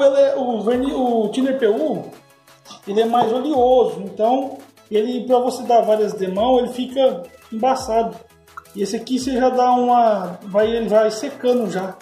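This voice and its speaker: A man's voice: extremely high pitch, normal speed, mellow, echoey room, faint music behind. A man with a Brazilian Portuguese accent, a custom painter, patiently explaining a paint job step by step in a casual way.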